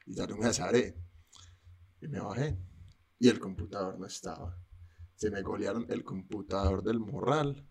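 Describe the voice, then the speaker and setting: Joking young man, low voice. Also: normal speed, creaky, long pauses, a little mellow, slightly rough. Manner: joking, slangy, rambling. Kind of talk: casual storytelling chat.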